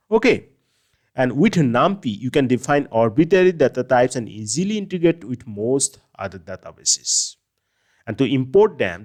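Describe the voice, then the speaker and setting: A man giving a recorded lecture, explaining step by step and often checking in with the class. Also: medium pitch. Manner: explanatory, checks in with "okay" and "clear?".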